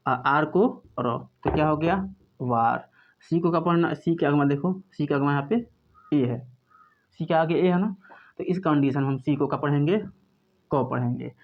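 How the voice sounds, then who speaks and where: A man teaching a class on English phonics rules, asking questions and answering them himself in a casual, reassuring way. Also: fairly high pitch. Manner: calls students "बच्चे लोग" and says "यार", casual and reassuring. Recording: tinny phone-like recording.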